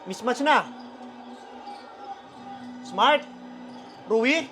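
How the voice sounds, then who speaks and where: A man reacts live to a basketball game as a fan, shouting at players and laughing at the plays. His voice sits very high and bright, with a lively pitch that swoops up and down. Now and then his calls break into swearing. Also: very slow.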